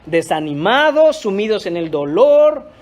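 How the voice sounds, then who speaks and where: A man's voice: sits high, very animated, unhurried, a little mellow. A male pastor preaching a sermon, emphatic, often calling out to the congregation. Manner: emphatic, repeatedly addressing the congregation.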